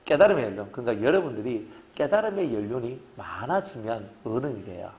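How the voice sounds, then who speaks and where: A middle-aged man, preaching a sermon to his congregation in a lively, joking way and often asking them to agree. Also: mid-range voice, brisk. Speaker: pastor.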